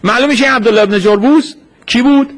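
A man with a high voice delivers a sermon as a retold story. He keeps asking rhetorical questions and answering them. He acts out the people he quotes. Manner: acts out quoted speech in a lively retelling. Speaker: preacher.

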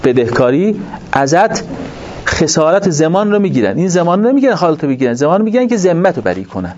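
Animated male religious lecturer. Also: a little high. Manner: animated, explanatory, uses rhetorical questions. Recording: dull lo-fi recording with faint noise.

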